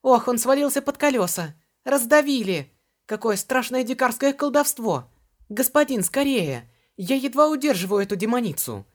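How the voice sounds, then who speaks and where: A mischievous young servant lad squeals in a very high, whiny voice. He lays on theatrical mock terror. It is audiobook character work. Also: sing-song, moderate pace, full character voice. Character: sly giggling young male servant, mock-frightened.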